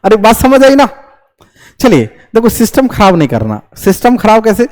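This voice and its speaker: A young man teaching English grammar in Hindi, lecturing to students and firing quick questions he answers himself. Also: high voice. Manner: lively, repeats checks like "understood?". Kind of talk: classroom lecture.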